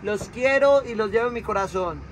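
This casual vlog walkaround features a man in his thirties, a Colombian trucking company owner, filming his trucks on a phone at arm's length in an outdoor yard and truck cab. His voice sits high and he speaks at a moderate pace, chatty and affectionate with plenty of diminutives. Slight background noise is audible.

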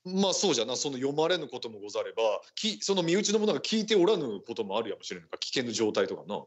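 A man plays a bantering ninja chief who hosts a radio show. His husky voice moves freely up and down as he talks in old-fashioned samurai phrases. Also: medium pitch, very animated, quick pace. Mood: musing, bantering. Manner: archaic samurai-style speech. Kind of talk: in-character radio hosting.

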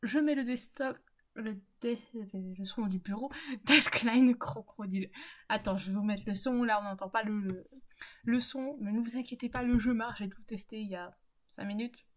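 A woman's voice: a little high, moderate pace. Chatty, laughing woman streamer. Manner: chatty, laughs often, talks to chat. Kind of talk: casual live-stream chat while gaming.

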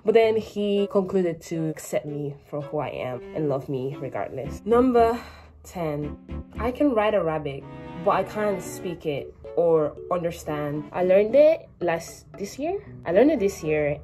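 Over soft background music, a teen girl born in Spain vlogs from her small bedroom into a phone or webcam at arm's length. Her lowish, mellow voice is unhurried and lively in intonation, and she chats away with joking, self-mocking remarks to herself.

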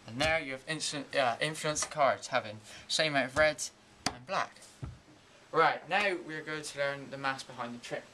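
A young man in his teens giving an informal, halting step-by-step card trick tutorial in amateur magician patter. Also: medium pitch, noisy background. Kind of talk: informal step-by-step demonstration and explanation. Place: indoors at a table and whiteboard.

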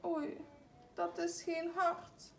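A woman's voice: very high voice, expressive, slow, soft background music, pitched above the performer's own voice, heavily acted. A woman reading as an eager little bear cub girl. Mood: sad. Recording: echoey room, mic at a distance.

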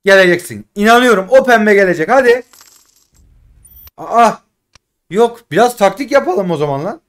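Man, high voice, gaming commentary, frustrated, pleading, loud outbursts and muttering. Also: animated, normal speed. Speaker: gaming streamer. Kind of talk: casual live commentary while opening game packs.

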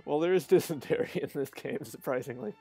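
A man streams a game live, his voice a little high, a little fast, warm, and slightly rough, with soft music in the background. His casual commentary rambles, he laughs often, and he restarts his sentences.

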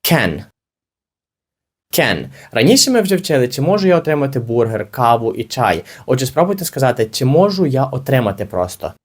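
A man teaching an English lesson, explaining with energy and saying the model phrases slowly and carefully. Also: medium pitch, big pitch swings, slightly rough.

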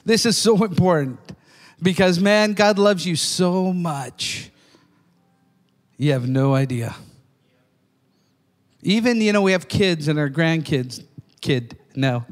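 An older man preaches fervently in a church, repeatedly calling "amen?" out to the congregation, with the long reverb of the church hall around him. His voice is fairly high and slow, with long pauses.

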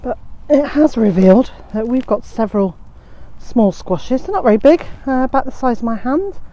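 A homesteading vlogger in her fifties walks and talks through a frosty garden, holding her phone at arm's length. Her slightly high voice is warm and expressive at a moderate pace, a bit stuffy from a cold, and the low-quality recording catches plenty of "uh" fillers.

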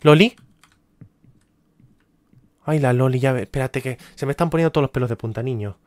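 A streamer giving live horror gameplay commentary, jumpy and cursing, breaking into high panicked yelps. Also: fairly quick, no room sound.

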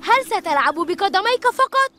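Over music, a performer gives a mischievous cartoon kid an extremely high, sing-song voice at a moderate pace. The boy needles his brothers and sisters with sarcastic, teasing jabs throughout this animated dialogue.

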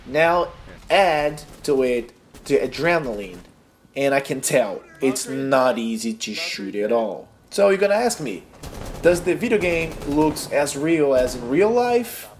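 In his casual vlog, a young gaming YouTuber from Brazil speaks earnest, slightly halting English with a Brazilian accent, his first language being Portuguese. His voice is medium-pitched and swings widely in pitch.

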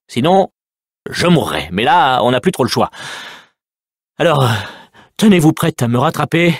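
A man's voice: on the high side, no room sound, clean studio sound. A man voicing a chatty, nervous male robot sidekick in a dubbed video game, rambling with hesitations.

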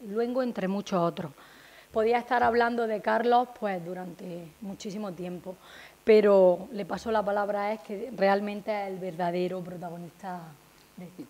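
A woman's voice: medium pitch, rough recording. Woman presenting at a press conference. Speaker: town councillor presenting a festival announcement. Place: small indoor meeting room. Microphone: gooseneck desk microphone.

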